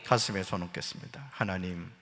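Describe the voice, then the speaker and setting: A brisk, low-voiced middle-aged pastor delivers a sermon in a church sanctuary, the sound carrying the reverb of a church hall. He starts by joking with the congregation, then becomes earnest, preaching in an animated, humorous style with jokes and quoted voices.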